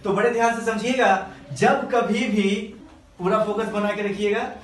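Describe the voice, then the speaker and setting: A teacher explaining grammar to a class, drawing words out slowly and quizzing the students. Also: medium pitch, steady tone. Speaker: English teacher. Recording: echoey classroom from a distance.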